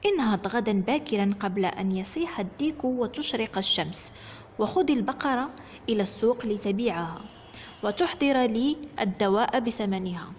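A frail, worried village mother, read by a woman storyteller, speaking in a tender, plaintive storybook voice pitched a little high. The sound is dull and echoey, with a long reverb tail and faint noise behind it. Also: animated, moderate pace, a little mellow, lightly acted. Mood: pleading.

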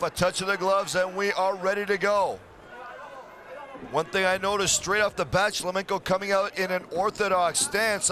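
A man calling televised fight play-by-play in an emphatic, polished, dramatic way. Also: sits high. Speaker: play-by-play commentator.

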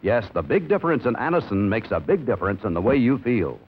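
A male announcer reads vintage ad copy in clipped, authoritative phrases. His intonation is lively and the recording is narrow and tinny. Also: fairly low pitch, fast talker, a little hiss or hum. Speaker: commercial announcer. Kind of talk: scripted vintage ad narration. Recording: tinny, narrow old commercial audio.

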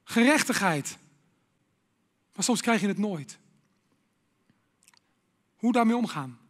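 High-voiced Dutch preacher, dramatic. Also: male voice, expressive, slow, a bit bright, long reverb tail. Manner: dramatic, acts out inner voices, drops to whispers. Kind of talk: sermon.

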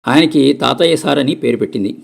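Gravelly male storyteller. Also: mid-range voice, fast talker. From Andhra Pradesh. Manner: steady, conversational narration. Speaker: narrator. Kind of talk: storybook reading.

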